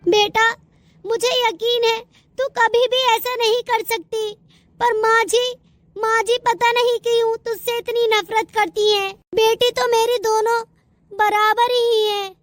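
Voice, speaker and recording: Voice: extremely high pitch, level tone, slow, fairly bright tone, full character voice. A performer voicing a doting mother who soothes her daughter and defends her against the grandmother in a cartoon story. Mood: soothing. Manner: soothing to her child, resentful to elders.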